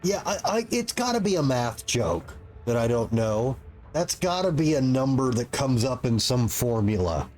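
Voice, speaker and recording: A man's voice: mid-range voice, very animated, moderate pace, a little mellow, soft background music. A man giving casual, informal, sometimes sweary commentary as he plays through a video game. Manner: profane, informal. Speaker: gameplay streamer.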